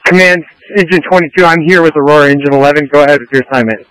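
A man's voice: a little high, racing, fairly bright tone, smooth, no echo, poor audio. A male firefighter checking in and confirming assignments over a two-way radio.

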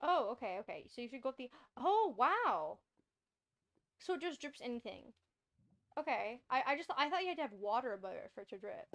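Bubbly high-voiced young woman streamer. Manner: bubbly, rambling, laughs often. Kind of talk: casual gameplay chat.

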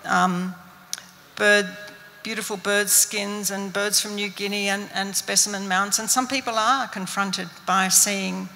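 A woman's voice: mid-range voice, fairly even intonation, measured pace, creaky, bright, forceful tone. An older woman scientist speaking earnestly on a panel into a handheld mic, with many fillers and restarts and an Australian accent. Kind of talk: panel discussion answer. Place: stage of an event hall. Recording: long reverb of a hall.

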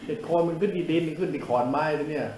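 A man's voice: on the high side, rapid-fire, reverberant, background noise. An older man, a monk giving a blunt, informal sermon, coarse and scolding, who laughs at his own jokes.

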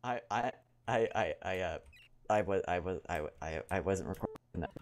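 A man co-hosting a gaming let's play, joking around, excitable and prone to stammering. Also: low voice, moderate pace. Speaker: co-host. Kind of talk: casual gaming commentary.

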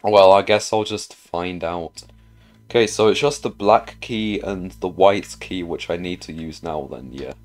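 Over background music, a man narrates his gameplay in a low, relaxed voice, tossing off casual comments and quietly asking himself questions. He sounds a little mellow.

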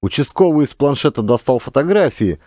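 A man reading an adventure audiobook in an expressive, dramatic narration. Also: mid-range voice, fairly quick, no echo, studio quality. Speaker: audiobook reader.

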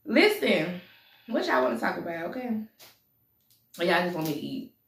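Woman vlogger, gravelly, mic a little off, roomy echo; casual chat with humming between bites. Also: medium pitch, sing-song, moderate pace, far from the mic. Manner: chatty, laughing between bites, lots of mm sounds. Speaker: mukbang vlogger. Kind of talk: casual eating vlog chat. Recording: echoey room, voice a bit off-mic.

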